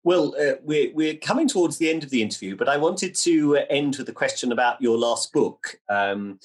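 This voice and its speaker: Man, interviewer, mid pitch, raspy, halting questions. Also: lively intonation. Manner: halting, repeats words.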